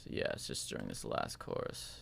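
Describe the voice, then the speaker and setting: A man casually walking through his own mix in a tutorial, thinking aloud in a loose, rambling way. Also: normal speed. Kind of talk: casual screen-share tutorial. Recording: voice over loud music playback.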